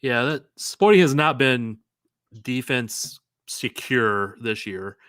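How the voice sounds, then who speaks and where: A man's voice: mid-range voice, lively intonation, a bit bright, no echo. Guy cohosting a sports podcast, dry close mic, chatty and stop-start. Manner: chatty, halting restarts. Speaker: podcast co-host. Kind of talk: casual chat.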